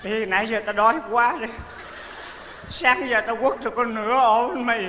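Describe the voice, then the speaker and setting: A bickering broke opera actor. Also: male voice, very high-pitched, fairly even intonation, moderate pace, slight background noise. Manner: teasing, exasperated, loud and playful. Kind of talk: stage comedy sketch. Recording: echoey hall stage recording.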